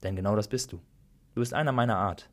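Man reading gentle creator god, patient, explaining, low voice, husky. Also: fast, close to an everyday voice. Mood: solemn. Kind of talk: storytelling reading.

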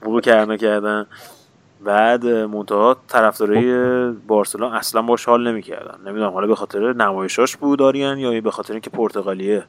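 Lower-voiced male podcast co-host, relaxed and hesitant, gropes for words as he talks football. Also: smooth. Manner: hesitant, searching for words with many fillers. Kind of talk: casual football chat.

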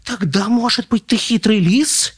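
A man voicing a timid little yellow female chick in an audiobook, with a squeaky, stammering voice. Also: sing-song, unhurried, no echo, clean studio sound, full character voice. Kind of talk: audiobook storytelling.

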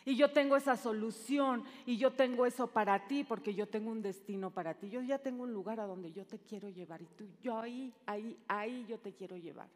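Middle-aged woman preacher, dramatic delivery shifting from loud to hushed, fairly high voice, reverberant church hall. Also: brisk, hardly any pauses. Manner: dramatic, swings from loud calls to hushed shushing. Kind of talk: sermon. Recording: long reverb in a large hall.

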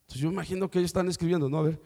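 A man preaching a sermon, telling stories and acting out dialogue with lively questions to the congregation. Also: a little high, very fast. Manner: animated storytelling, acting out dialogue. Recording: long hall reverb.

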